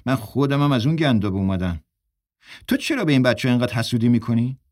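An earnest, easygoing young man who sticks up for his friends in a storybook, voiced by the narrator. The voice is mid-pitched and sounds dry and close. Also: big pitch swings, a little mellow, no echo, close to an everyday voice.

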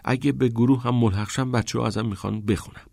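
A shy teenage schoolboy who hesitates and stammers, speaking soft and low, as a man acts him out. The voice is dry and close. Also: fairly even intonation, creaky, dry recording. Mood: timid.

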